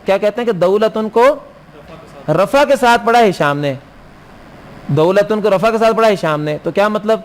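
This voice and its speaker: In a classroom lecture on Quran recitation rules, a high-pitched man quizzes his students and answers his own questions. He also chants lines of Arabic verse slowly.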